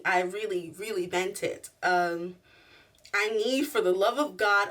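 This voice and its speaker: A woman giving a chatty, slangy video review in an animated, giggly, tipsy, rambling way. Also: fairly low pitch, far from the mic. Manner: animated, slangy, acts out quotes. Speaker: reviewer hosting a show review.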